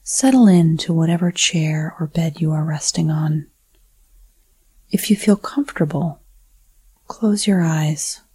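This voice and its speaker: A woman whispering a slow, soothing guided breathing meditation. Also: sits low, dark tone, slightly rough, no echo.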